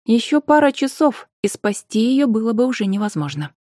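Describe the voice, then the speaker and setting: A woman voicing a brisk young witch investigator who gives commands and quick retorts in an audiobook. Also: on the high side, very animated, darkish tone, no room sound, studio quality, voice pushed up. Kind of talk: audiobook character voice.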